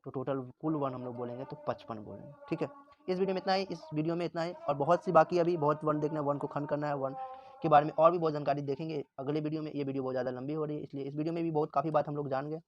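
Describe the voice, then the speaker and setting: A man's voice: a little high, fairly even intonation, rapid-fire, a little hiss or hum. Man teaching with repeated questions, muffled sound. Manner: repeats words and asks questions to the class, then answers them. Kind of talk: classroom lesson.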